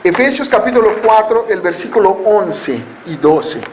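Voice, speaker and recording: A man's voice: high-pitched, big pitch swings, normal speed, reverberant, a little hiss or hum, rough recording. A man preaching a Sunday sermon, putting questions to the congregation and answering them himself. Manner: acts out foolish attitudes in mocking voices. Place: church hall.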